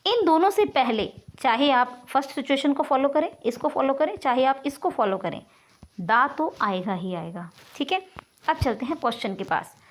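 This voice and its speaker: A woman teaching an English grammar lesson online, explaining patiently step by step and checking in often with her students. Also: sits high.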